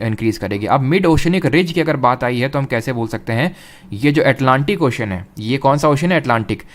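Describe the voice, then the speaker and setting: Here the young male lecturer's voice sits fairly high. His exam-prep geography class moves step by step, sprinkled with English terms, and he checks often that students are with him.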